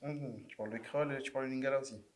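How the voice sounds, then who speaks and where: A man who works as a pastry chef, chatting as a guest on a podcast and often breaking into loud, laughing emphasis. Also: medium pitch, fairly even intonation, racing. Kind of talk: casual chat.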